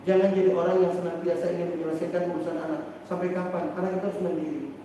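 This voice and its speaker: A man, an Islamic teacher, giving a lively parenting lecture and acting out parents and children as he talks. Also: sits high, fast. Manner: animated, acts out parents and children, asks the audience questions. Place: large seminar room. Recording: distant, very echoey hall with faint noise.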